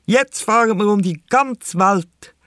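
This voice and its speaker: A man's voice: high-pitched, slow, dry recording, clean studio sound, pitched above the performer's own voice. A man with a Swiss German accent voicing eager, pleading little nieces in a children's radio play. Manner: pleading, excited.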